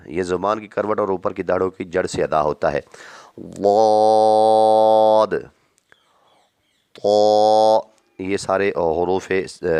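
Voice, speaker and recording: A man teaching Quran reading, calling out each letter long and loud, then explaining it softly. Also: low voice, dry recording. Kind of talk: recitation lesson.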